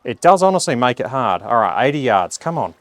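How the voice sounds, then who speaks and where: A man's voice: medium pitch, big pitch swings, brisk, noisy background. A man giving a casual hands-on review, chatting and reacting aloud as he plays. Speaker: product reviewer.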